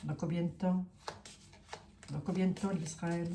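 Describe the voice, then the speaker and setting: A woman's voice: fairly low pitch, fairly even intonation, unhurried, dark tone, reverberant, slight background noise. A woman with a Lorraine French accent doing a casual tarot reading, musing aloud and hesitating with many fillers. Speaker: tarot reader.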